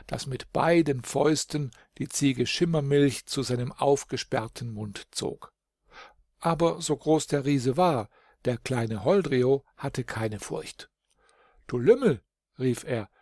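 A man reading a fairy tale aloud as an audiobook narrator, in a calm, measured storytelling manner. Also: mid-range voice, no room sound, clean studio sound. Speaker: audiobook reader.

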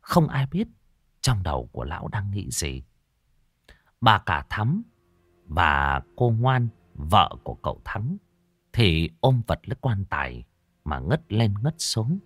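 A man narrating a ghost story in an expressive, dramatic way, dropping to hushes and rising again. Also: fairly low pitch, slow pace, slightly rough, dry recording. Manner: expressive, swinging between hushed and loud.

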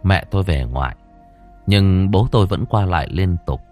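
A man narrating an audiobook story in an expressive, dramatic manner. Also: deep voice, moderate pace, soft background music.

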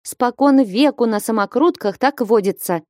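A woman's voice: a little high, moderate pace, darkish tone, no room sound, studio quality, pitched above the performer's own voice, close to an everyday voice. A woman reading an audiobook voices a bold, bossy young village woman who scolds and commands sharply. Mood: scolding.

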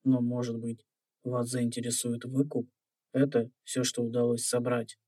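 A man's voice: medium pitch, completely flat delivery, a little slow, mellow, no echo, distant mic, lightly acted. An actor playing an earnest young man in an audio fairy tale, with a courteous, serious way of speaking. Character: earnest, polite slight young red-haired man.

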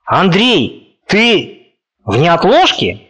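A man's voice: sits high, huge pitch swings, drawn-out words, a bit bright, breathy edge, full character voice. Fussy anxious old professor, as a male reader puts him on. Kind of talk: audiobook character reading.

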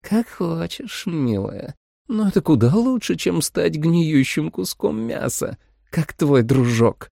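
Audiobook villainess: a cruel vampire mother, slow, sugary and threatening, put on by a man. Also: on the high side, big pitch swings, vocal fry, mellow, no echo, clean studio sound, voice pushed up, full character voice. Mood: crooning menace. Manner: slow, crooning, menacing.

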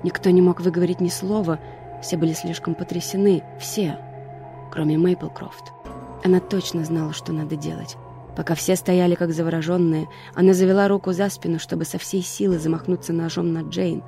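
Audiobook narrator; dark mellow tone, flat steady delivery, faint music bed. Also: mid-range voice, brisk, vocal fry. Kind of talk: scripted narration.

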